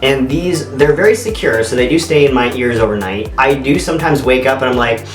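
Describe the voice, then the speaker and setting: A man giving a casual, halting, conversational product review to camera in an echoey apartment room. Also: mid-range voice. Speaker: video reviewer. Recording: echoey bare apartment, distant mic, faint music.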